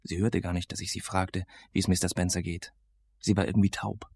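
A man's voice: low-pitched, level tone, a little fast, creaky, darkish tone, slight background noise. A man reading a novel aloud as its casual, sardonic first-person teenage narrator. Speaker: audiobook narrator.

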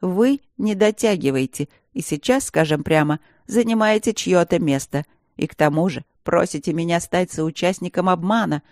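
A woman's voice: fairly low pitch, moderate pace, darkish tone, no room sound, close to an everyday voice. A woman voicing a stern, cold male professor who lectures in a dry, cutting way.

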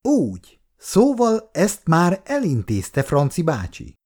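A man voicing a proud, easily upset young woman in a read-aloud story who bursts out indignantly, pitched high. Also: wildly swooping pitch, darkish tone, breathy edge, heavily acted. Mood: wary. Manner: indignant outbursts.

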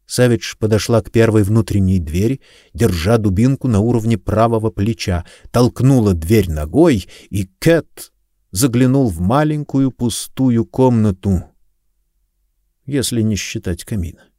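A man reading an audiobook in a steady, measured scripted narration. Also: lowish voice, dry recording, clean studio sound.

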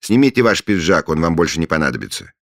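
For an audiobook, a man voices a pompous middle-aged leader of a secret order, raising his low-pitched voice for the role. At normal speed and very expressive, he delivers solemn, imperious pronouncements before growing loud and hearty. The recording is dry and studio quality.

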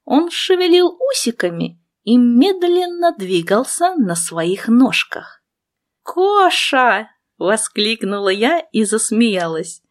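A woman narrates a first-person fantasy story in a playful, expressive audiobook manner. Her voice sits slightly high and swings widely in pitch, and she takes her time over every phrase. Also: slow pace. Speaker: audiobook reader.

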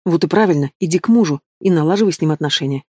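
A man's voice: on the high side, very fast, darkish tone, no room sound, studio quality, natural voice. A man voicing a blunt, reproachful middle-aged mother who lectures her daughter, in an audiobook. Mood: scolding. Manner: bossy and reproachful.

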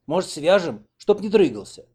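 A wry old village woman, plain and bossy, as a male narrator puts her on. Her lines sit higher than the reader's own voice. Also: sing-song, normal speed, warm tone, husky, exaggerated voice. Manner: wry, matter-of-fact.

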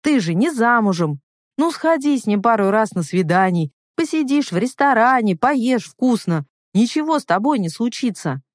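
A woman's voice: medium pitch, expressive, moderate pace, no echo, clean studio sound, close to an everyday voice. A woman voicing an evasive middle-aged male head doctor in an audiobook reading, talking in a placating, pleading way with a raised voice. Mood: wheedling.

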